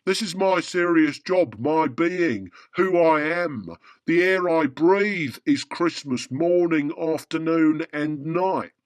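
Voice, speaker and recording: A man's voice: fairly high pitch, slow, dry recording. A man playing a grumpy, self-important old Santa Claus in a radio drama, pompous and easily offended. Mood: indignant.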